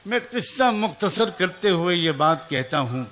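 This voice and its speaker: A male preacher delivers an emotional sermon in a high, ringing voice. He tells a story with feeling and turns to speak straight to his listeners. His tone is bright and impassioned throughout. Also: animated. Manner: impassioned, addresses audience directly.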